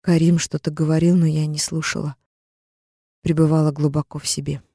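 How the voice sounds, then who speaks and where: A woman reads a first-person story aloud in a mellow, warm, darkish voice. Her steady, tense delivery sits close and dry in the recording, typical of a studio audiobook narration. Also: deep voice, brisk, breathy edge, no room sound.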